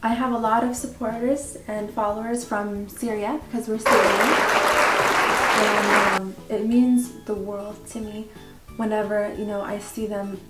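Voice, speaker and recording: A woman being interviewed as a pageant winner, chatting casually and haltingly with lots of filler words. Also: mid-range voice, little pitch movement, over a noisy crowd. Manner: informal, halting, frequent "like" and "you know". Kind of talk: casual question-and-answer chat. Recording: echoey room with background music.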